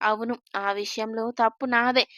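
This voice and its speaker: A woman's voice: a little high, level tone, moderate pace, fairly bright tone, no room sound, studio quality, lightly acted. A woman voicing a timid innocent young girl. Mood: innocent fearful. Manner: anxious, innocent, chattering.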